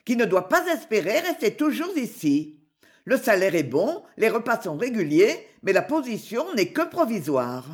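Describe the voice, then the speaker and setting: A woman's voice: medium pitch, very animated, normal speed, close to an everyday voice. A woman reading as a prim middle-aged lady who runs a London shop, speaking with dignity and at length, in a storybook. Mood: dignified. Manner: dignified, long-winded complaining.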